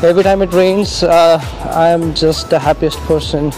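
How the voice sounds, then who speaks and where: A man vlogging casually to a handheld camera, upbeat and halting, with frequent filler sounds. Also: fairly high pitch, fairly even intonation, darkish tone, faint music behind. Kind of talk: casual vlog talk to camera. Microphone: handheld camera mic.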